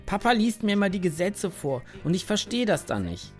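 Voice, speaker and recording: A woman voicing a curious, brave young boy who calls out loudly in a storybook. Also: medium pitch, a little fast, faint music behind, pitched above the performer's own voice, close to an everyday voice. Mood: eager. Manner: excited, loud calling out.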